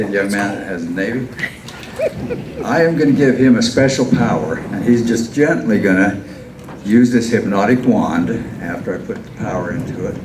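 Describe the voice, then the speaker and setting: A man with a lowish voice hosts a live stage hypnosis show. He coaxes volunteers through suggestive instructions, step by step. The sound is distant and echoey, with clear background noise. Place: large echoey indoor venue with audience. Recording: echoey hall from far off, noisy background.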